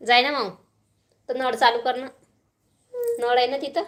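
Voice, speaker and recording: Woman, Marathi accent, live-stream chat, fairly high voice, chatty, greets viewers. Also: little pitch movement, measured pace, fairly bright tone. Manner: chatty, greets viewers by name, coaxes a small child.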